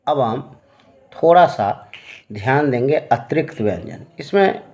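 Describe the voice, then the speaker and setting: A man's voice: mid-range voice, lively intonation, darkish tone. A man teaching Hindi grammar at a board, explaining patiently and often checking that the children follow. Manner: slow, patient, checks in with "है ना?" and fillers. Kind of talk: classroom lesson explaining at a board.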